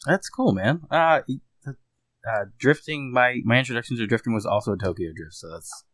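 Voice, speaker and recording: A man's voice: medium pitch, lively intonation, normal speed, a bit bright, dry recording, clean studio sound. Friendly joking male interviewer. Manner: friendly, joking, curious questions. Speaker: interviewer, host. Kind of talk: casual interview chat.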